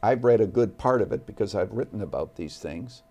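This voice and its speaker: A man appearing as a studio guest, speaking earnestly and deliberately about faith. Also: on the low side, expressive, gravelly, warm tone. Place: television studio.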